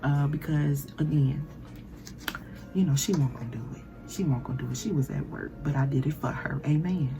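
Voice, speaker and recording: Woman, podcast host, low voice, gravelly, blunt cussing storyteller. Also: a little fast, over music. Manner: blunt, profane, animated storytelling. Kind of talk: casual solo podcast chat. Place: lives in Burbank, California.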